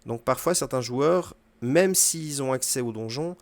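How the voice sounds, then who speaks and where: A man's voice: mid-range voice, no room sound. Man casually explaining a game run. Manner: relaxed explaining with fillers and quick asides to the game. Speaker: gaming video host. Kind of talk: casual gameplay commentary.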